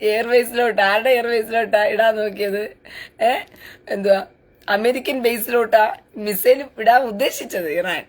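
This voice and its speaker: A woman's voice: on the high side, moderate pace. A woman with a slightly raised voice hosts a live-stream commentary. She answers viewer comments with sarcastic, crude taunts.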